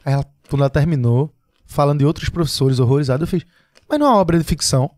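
A man from Brazil telling stories on a podcast, acting out each line of dialogue. His voice is a bit high. The sound is dry and close. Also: very fast, a little mellow, no room sound. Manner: anecdotal, acts out dialogue. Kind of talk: casual chat, storytelling.

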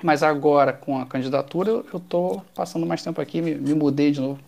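A man with a Carioca accent from Rio de Janeiro, Brazil, is a political candidate answering interview questions. His voice is fairly high, brisk, creaky and a bit dark, and he hesitates constantly, with lots of fillers and restarts.

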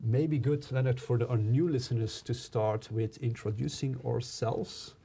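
A man's voice: medium pitch, fairly even intonation, unhurried, dark tone, husky. A man hosting a casual podcast in English, chatting in a friendly way with frequent ums and uhs. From Belgium. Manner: friendly, hesitant with fillers. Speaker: podcast host.

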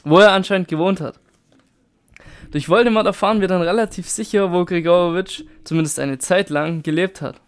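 A man's voice: sits high, fairly quick, smooth. A man acting as quiz master on a podcast, reading questions aloud in a matter-of-fact, dry way.

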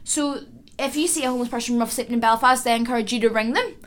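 A woman's voice: fairly high pitch, fast talker. A young woman with a Northern Irish accent co-hosting a casual podcast, talking with passion and restarting her sentences often. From Northern Ireland. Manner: impassioned, rambling with restarts. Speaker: podcast co-host.

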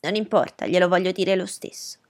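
A woman's voice: on the low side, a little fast, darkish tone, close to an everyday voice. A woman voicing a stern, bustling housekeeper who speaks in a firm, raised, commanding way.

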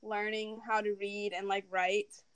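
A young woman who grew up in Turkey and speaks Turkish as her first language, chatting on a podcast. She rambles, loads her talk with "like" and laughs easily. Her voice sits at an ordinary pitch in a dry, close-miked sound. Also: level tone, unhurried, fairly bright tone, clear, resonant tone, no echo, low-quality recording. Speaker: podcast co-host. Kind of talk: casual chat.

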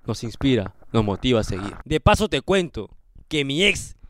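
A man with a Peruvian accent co-hosting a podcast, reading out donations with crude, mocking jokes and frequent swearing that bursts into shouts. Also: medium pitch, very animated, normal speed, slight background noise. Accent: Peruvian Spanish. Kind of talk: crude comedic banter.

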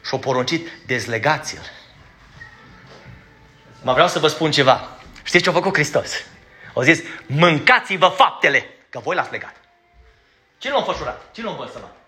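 A man preaching a sermon in a church, emphatic and blunt, asking his congregation direct questions and sometimes stumbling over his words as he rushes. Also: on the high side, very animated, pushed and bright, soft background music. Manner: stumbles when rushing.

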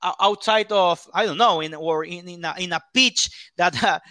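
A man from Ecuador, a football pundit in an interview, halting as he searches for English words. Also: sits high, pushed and bright, no room sound.

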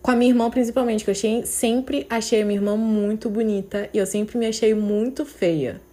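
A woman's voice: on the high side, steady tone, brisk, warm tone. A young woman talking candidly and emotionally on her podcast, at times close to tears. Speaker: podcast host. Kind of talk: personal confessional podcast.

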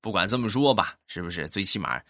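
Lively storytelling man. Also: sits low, fast, no echo, clean studio sound. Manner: animated, acts out voices. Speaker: comic storyteller. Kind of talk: comic anecdote monologue.

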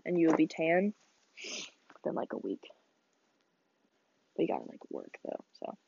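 A woman's voice: low-pitched, wildly swooping pitch, moderate pace, vocal fry, warm tone, husky, no room sound, dull audio. Chatty rambling young woman, sniffly. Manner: chatty, rambling, laughs while talking. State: sniffly, coughing. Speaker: podcast host. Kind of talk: casual solo podcast chat. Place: small bedroom.

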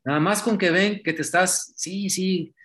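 A man's voice: high voice, fairly even intonation, a little slow, fairly bright tone. A man from Mexico giving casual political commentary, conversational and full of rhetorical questions.

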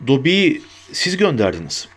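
A man's voice: mid-range voice, big pitch swings, a little slow, a bit bright. Guy doing an earnest teen boy wizard, direct and serious, audiobook voice. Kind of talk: audiobook character voice.

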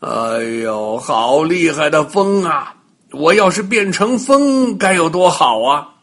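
A man's voice: a little high, expressive, slow pace, a bit bright, heavily acted. An older man voicing a restless, envious stonemason who exclaims his wishes and cries out in pain. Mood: wishful.

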